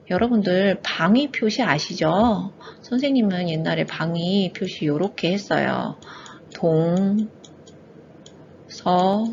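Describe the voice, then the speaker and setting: A woman's voice: on the low side, gravelly. A woman music teacher leads an exam-prep lesson, explaining step by step and breaking into short sung folk phrases. The audio is somewhat dull and lo-fi, with a faint hiss underneath. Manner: explains patiently, sings folk melody snippets to demonstrate.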